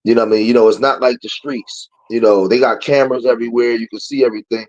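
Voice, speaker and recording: A man's voice: mid-range voice, fairly even intonation, quick pace, highs cut off. A man in his forties, joining the livestream over his phone, talking about street life and lecturing with rising heat. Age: 40s. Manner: preachy, grows heated and louder. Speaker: guest. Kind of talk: casual talk on a livestream.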